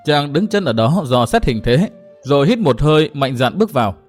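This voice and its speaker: A man narrating a martial-arts novel in an even storytelling manner. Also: on the high side, normal speed, soft background music.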